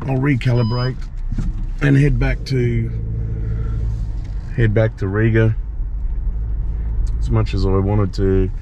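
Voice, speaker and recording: A man's voice: level tone, takes it slowly, vocal fry, pauses often. A man, vlogging casually as he explores and drives, thinking aloud and swearing at other drivers. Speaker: travel vlogger. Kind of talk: casual walking and driving vlog. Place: abandoned building, then inside a car. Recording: dull lo-fi camera audio with loud engine rumble.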